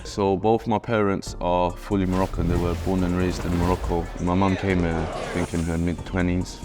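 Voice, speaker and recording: A deep, low-pitched man in his thirties with a South London accent recounts his past in an easygoing, slang-filled way. His tone stays reflective and unhurried. A faint music bed plays underneath. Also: flat delivery. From London, England. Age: 30s. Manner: laid-back, slang-heavy, reflective. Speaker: rapper interviewee. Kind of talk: casual interview storytelling.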